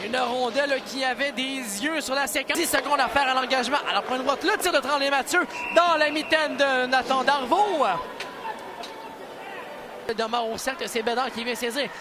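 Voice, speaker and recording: Male Quebec French play-by-play caller, very high-pitched, excited sports commentary, loud crowd and music behind. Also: noisy background. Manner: rapid play calls rising to shouted goal calls. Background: hockey arena crowd and music.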